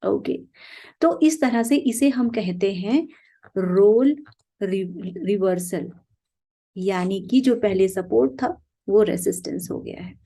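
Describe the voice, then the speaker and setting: A woman's voice: mid-range voice, slow pace, mellow. A woman teaching stock trading, explaining points over a chart in a patient way, often saying "okay" and asking questions herself before she answers them.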